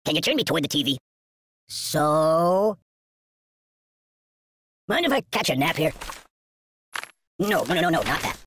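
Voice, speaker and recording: An actor voicing a small male ragdoll toy in a mobile game, high and cartoonish, pleading, yelping and cracking jokes nonstop. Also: sing-song, measured pace, long pauses, a little hiss or hum. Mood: quippy. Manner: yelps, pleads and quips nonstop. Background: loud game music.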